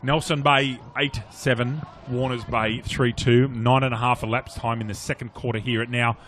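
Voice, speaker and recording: A man's voice: medium pitch, moderate pace, a little hiss or hum. Australian man calling live football. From Australia, regional New South Wales. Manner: animated calls in short clipped phrases. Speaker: sports commentator. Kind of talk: live Australian rules football play-by-play commentary. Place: outdoor commentary box at a suburban football oval.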